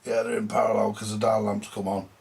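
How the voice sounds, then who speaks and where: A British-accented man repairs vintage radios indoors at his workbench, thinking aloud in short, plain-spoken, casual remarks as he works hands-on. His lowish voice is fast, gravelly and darkish, with little pitch movement, and the recording carries noticeable background noise with clicks.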